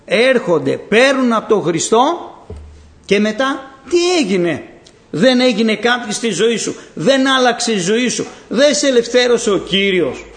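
High-voiced fervent male preacher. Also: lively intonation. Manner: fervent, repetitive exhortation with sudden swings in loudness. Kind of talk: sermon.

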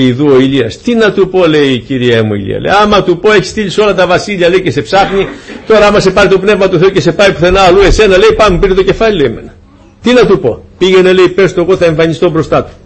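A man preaching a sermon, retelling a scripture story in lively, humorous fashion and acting out the dialogue. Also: a little high.

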